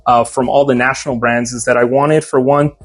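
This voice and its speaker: Speaking fairly quickly in a mid-range, level voice, a young man from Mexico describes how he makes hats in the shop he owns. It's a casual interview full of "uh"s, with soft background music.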